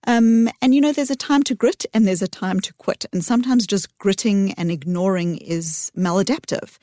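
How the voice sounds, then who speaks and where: A middle-aged woman, a psychologist giving earnest, measured interview answers with thoughtful pauses. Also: mid-range voice, mellow, no echo, clean studio sound. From South Africa. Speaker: psychologist guest.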